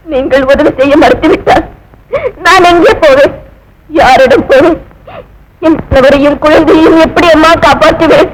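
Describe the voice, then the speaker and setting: An actress playing a devoted young wife who pleads impassioned and tearful, in 1950s film melodrama style. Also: female voice, sits high, noisy background, lightly acted. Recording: old film soundtrack with loud music.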